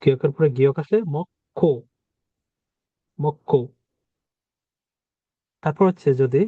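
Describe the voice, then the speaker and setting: A man's voice: a little high, slow pace, no room sound. Man teaching pronunciation over tinny audio. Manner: patient, repeats each example word. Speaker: language teacher. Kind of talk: explaining pronunciation rules. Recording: dry, phone-like narrow sound.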